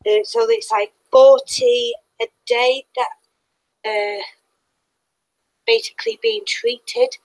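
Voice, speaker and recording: A woman chats casually on a stream, her voice high and gravelly with lots of fry. She talks slowly and giggles as she rambles, sounding close and dry to the mic. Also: big pitch swings, dry recording, poor audio. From Britain. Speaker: co-host.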